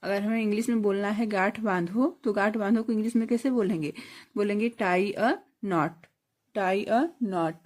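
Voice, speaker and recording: This is a woman giving a beginner English lesson in a mid-range, steady, somewhat mellow voice. She asks questions and answers them herself, slowly repeats phrases, and spells words letter by letter.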